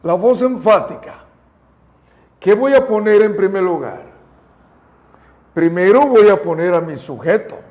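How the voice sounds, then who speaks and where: A man from Mexico teaching an English grammar lesson in Spanish, laying out each step and repeating example sentences slowly for his students. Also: high voice, lively intonation, a little mellow. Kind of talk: slow, deliberate grammar lesson.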